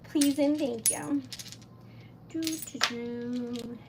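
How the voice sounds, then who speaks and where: On a very noisy recording, a woman with a high-leaning voice hosts a relaxed craft livestream. She's from New England with a Rhode Island accent, and she chats to viewers, laughs frequently and wanders off topic as she goes.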